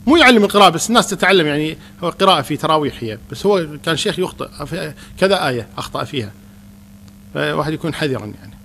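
A man leads a question-and-answer religious lesson as a Quran teacher. His voice sits high for a man, and he speaks quickly. He explains in a calm, reassuring manner. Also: gravelly, a little hiss or hum.

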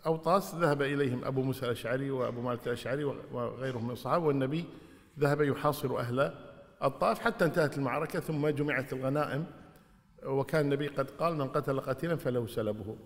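Fast-talking man explaining a lesson. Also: mid-range voice. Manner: explanatory, retells the narrators' words. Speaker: religious teacher explaining hadith. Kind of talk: informal religious lesson commentary. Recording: hall with long reverb.

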